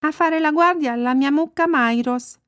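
A woman doing a high eager little girl. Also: normal speed, no room sound, studio quality. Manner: high and excited, cries out. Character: small girl, eager and earnest.

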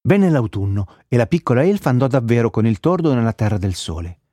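A man narrating a children's fairy tale in a gentle storytelling manner. His voice sits at an ordinary middle pitch. The recording is dry, with no room sound. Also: sing-song, fast, no room sound.

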